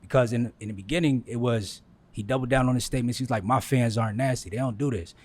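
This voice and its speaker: A man's voice: mid-range voice, quick pace, a little mellow. Blunt, opinionated man in casual talk. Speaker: podcast co-host. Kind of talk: casual chat.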